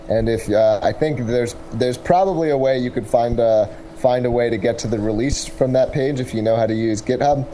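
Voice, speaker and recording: A man giving casual, explanatory interview answers as a tech startup representative, pausing to pick his words. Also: medium pitch, mellow, slight background noise, low-quality recording.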